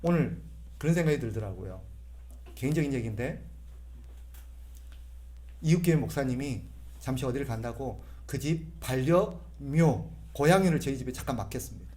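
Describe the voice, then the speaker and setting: A man's voice: mid-range voice, lively intonation, normal speed, long pauses, warm tone. A middle-aged male pastor giving a humorous sermon, imitating voices and having the congregation repeat phrases after him.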